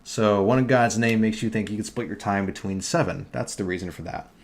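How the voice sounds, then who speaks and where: A man's voice: lowish voice, a little fast. A young man with a New York accent hosting a casual live screen-share tutorial, chatting to viewers and correcting himself as he works. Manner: chatty, self-correcting, talks to chat while working. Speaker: livestream host teaching online store building.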